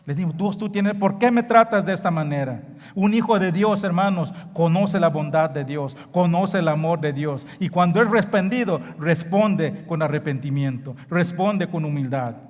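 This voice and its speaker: A man's voice: on the high side, moderate pace, darkish tone, long reverb tail. A man preaching a sermon with passion, stressing key phrases and sometimes repeating a word as he searches for the next. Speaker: pastor. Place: church sanctuary.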